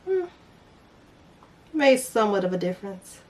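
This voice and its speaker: A woman's voice: mid-range voice, very animated, unhurried. Young woman, beauty vlogger, casual makeup tutorial, chatty, playful asides. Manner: chatty, playful asides, addresses viewers as y'all.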